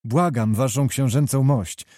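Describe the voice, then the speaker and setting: A man's voice: mid-range voice, measured pace, darkish tone, no room sound, studio quality, natural voice. A man voicing an impetuous, hot-tempered young nobleman who pleads with fervent, barely restrained passion in a storybook reading. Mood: fervent pleading.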